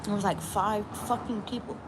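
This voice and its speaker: A woman's voice: medium pitch, moderate pace. A woman from New Mexico speaking out in a casual vlog, emphatic and repetitive, swearing now and then. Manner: emphatic, repeats lines, swears. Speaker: tarot channel vlogger. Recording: steady background ambience noise.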